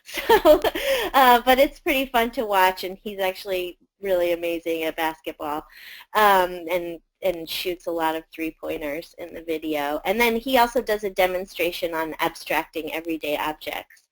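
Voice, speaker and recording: A woman with a slightly low voice walks teachers through a set of arts education videos. She talks casually and fills her pauses with small hesitations. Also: rough recording. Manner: conversational, with frequent fillers. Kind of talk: presenting video series to teachers.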